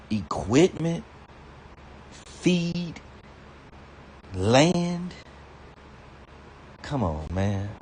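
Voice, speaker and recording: Over slight background noise, a man with a somewhat mellow voice vlogs a casual, expletive-filled rant. He rambles, stammers and repeats words, and his voice shoots up in pitch as his indignation builds.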